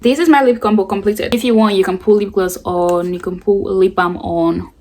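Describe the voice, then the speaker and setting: A mellow, mid-range voice with a steady tone and normal speed belongs to a late-teen beauty vlogger. She chats and rambles casually, by her own description yapping, while getting ready with makeup on camera.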